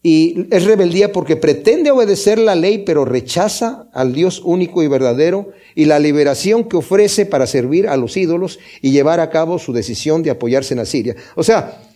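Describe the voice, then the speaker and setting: A man with a slightly high, animated, warm voice preaches a sermon. He walks through a scripture passage step by step, pausing along the way to put questions to the congregation.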